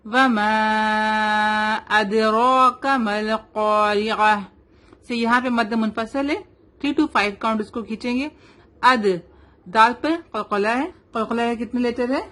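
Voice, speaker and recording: A young woman teaching Quran recitation rules, patiently spelling out letters slowly and mixing English into her explanations. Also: a little high, fairly bright tone. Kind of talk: tajweed lesson, slow drilling.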